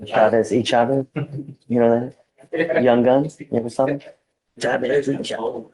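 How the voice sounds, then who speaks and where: A man's voice: mid-range voice, level tone, unhurried, darkish tone, a little hiss or hum. A male judge presiding over a hearing in a courtroom, plain-spoken and conversational, with a joking side.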